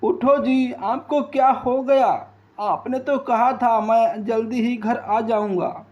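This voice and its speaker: A man's voice: sits high, normal speed, mellow, pitched above the performer's own voice, lightly acted. A man voicing a grieving widowed mother bird who wails and pleads. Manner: wailing, pleading. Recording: dull lo-fi.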